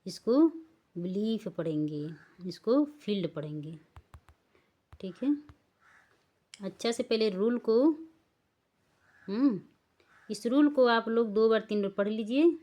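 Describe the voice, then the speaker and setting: A woman's voice: medium pitch, animated, unhurried, pauses often, mellow. A woman teaching English pronunciation rules, spelling words out letter by letter and checking that the learners follow. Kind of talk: slow spelling-rule lesson.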